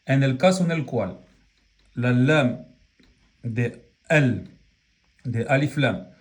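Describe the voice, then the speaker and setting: A man teaching a lesson, explaining patiently and checking in often with the listener. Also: medium pitch. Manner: patient, drawn-out examples with frequent "¿ok?" check-ins. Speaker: Arabic teacher. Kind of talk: slow classroom explanation.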